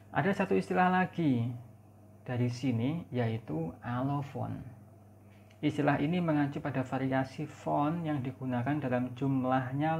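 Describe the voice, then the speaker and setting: A man from Indonesia giving a recorded university lecture, explaining slowly, asking the listener questions and stretching out example words. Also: mid-range voice, creaky. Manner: slow explanatory teaching, asks the listener questions; stretches out example words when demonstrating sounds. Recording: dull lo-fi recording with faint noise.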